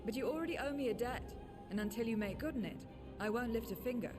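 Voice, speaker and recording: Fantasy game role: woman playing imperious, self-serving mercenary, curt, swinging pitch, loud music behind. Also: lively intonation, fast, natural voice. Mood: haughty. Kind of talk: fantasy video game acting.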